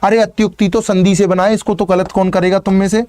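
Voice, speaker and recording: High-voiced male teacher with a lilt. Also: little pitch movement, quick pace, a little mellow, no echo. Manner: repeats "ठीक है ना" and explains step by step; greets students by name and encourages them. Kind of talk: live online exam-prep class.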